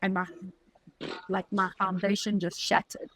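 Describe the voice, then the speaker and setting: A woman from South Africa with a South African accent, a podcast guest telling a personal story in an earnest, reflective way with short halting phrases. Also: mid-range voice, flat delivery, a bit bright, rough recording.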